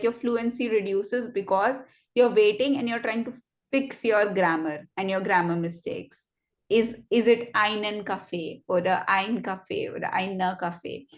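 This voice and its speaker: Hosting an interactive online student network session, a young woman offers casual, friendly advice at a medium pitch. Her manner is talkative and encouraging, full of quick asides and filler words.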